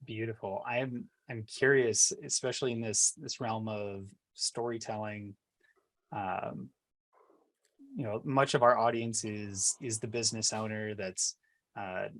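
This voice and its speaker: A man's voice: on the low side, a bit bright. A man hosting a business interview, asking long questions with hesitant fillers and restarts. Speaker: interview host.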